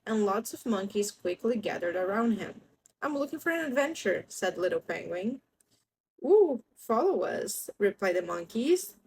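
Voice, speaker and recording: A woman's voice: mid-range voice, darkish tone, a little hiss or hum, low-quality recording. A young woman reading a children's story aloud, chatty and gushing between pages. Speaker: storybook reader.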